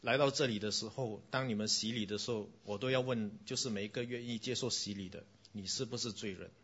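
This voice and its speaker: A middle-aged man, a pastor giving a gentle, conversational children's sermon and calling himself their uncle. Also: on the low side, fast, husky, highs cut off.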